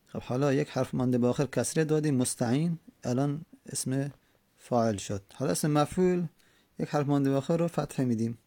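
Gravelly man teaching grammar slowly. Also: mid-range voice, mellow, no echo. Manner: slow, repeats word forms aloud. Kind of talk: classroom lesson with text reading.

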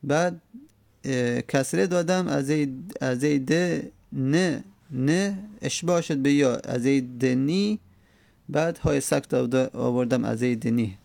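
Gravelly-voiced man teaching grammar. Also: mid-range voice, darkish tone, no room sound. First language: Persian. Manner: explains step by step, repeating forms, many hesitations. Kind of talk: Arabic grammar lesson.

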